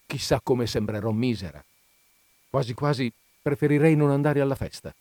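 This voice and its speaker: A man's voice: medium pitch, moderate pace, darkish tone, no room sound, natural voice. A man voicing a young wife who is anxious, hesitant and longing for luxury, in a read-aloud story. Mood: plaintive.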